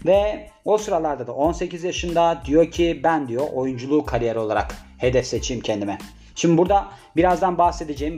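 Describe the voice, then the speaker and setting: Young male vlogger, slightly high-pitched, casual and rambling with jokey asides; soft music bed. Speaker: vlogger presenting a celebrity biography. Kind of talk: casual chatty monologue.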